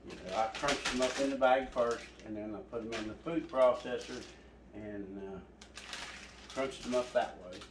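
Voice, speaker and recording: A man's voice: mid-range voice, moderate pace, distant mic, background noise. A man hosting a home cooking video, folksy and rambling as he talks to his viewers. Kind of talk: casual cooking vlog. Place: home kitchen. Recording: echoey room, voice from off the mic.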